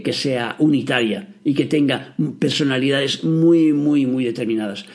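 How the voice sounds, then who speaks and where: A man's voice: fairly high pitch, a little mellow. A man with a Spain Spanish accent, hosting a podcast and explaining things in a chatty monologue full of fillers. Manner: chatty, many fillers like "o sea". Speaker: astrology podcast host.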